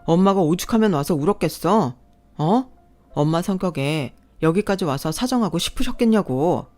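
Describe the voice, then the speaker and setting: A defensive ex-husband pushes his case and then begs, as a woman narrator reads his lines. The voice sits low and stays in her own plain tone, a character in a spoken family drama story. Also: expressive, normal speed, darkish tone, soft background music, lightly acted. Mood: pleading. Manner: pushy, then pleading. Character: defensive ex-husband, grown man.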